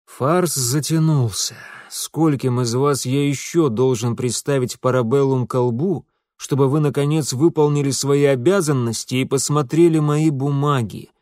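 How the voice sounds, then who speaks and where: A man's voice: medium pitch, measured pace, few pauses, darkish tone, no room sound, studio quality, natural voice. A man voicing a haughty aristocratic nobleman who lectures in a cold, formal way. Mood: weary.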